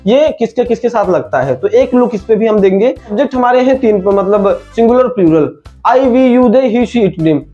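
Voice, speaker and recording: A man with a very high-pitched, mellow voice teaches an online English grammar lesson, repeating each rule and calling the listener his friend. The recording is dull and lo-fi with faint music.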